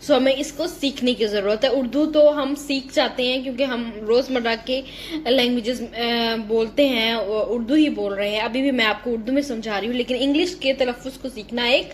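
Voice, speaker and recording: Lady teacher going through english homework, kinda high voice, slow careful reading, bit of hiss behind. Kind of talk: explaining an English textbook lesson.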